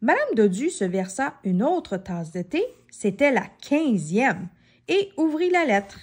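A woman reading a children's storybook aloud in an expressive way, often asking questions of the child listening. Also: on the high side, unhurried, breathy edge.

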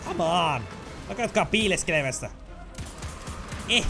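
A man giving excitable let's play commentary while gaming, chatty and full of sound effects. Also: high-pitched, creaky, music in the background. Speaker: gamer.

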